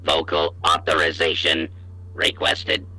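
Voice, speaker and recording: A man voicing a stern male bank security computer in a video game, with a robotic, synthesized sound and flat, clipped announcements. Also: rumbling low, measured pace, creaky, husky, heavily acted, rough recording.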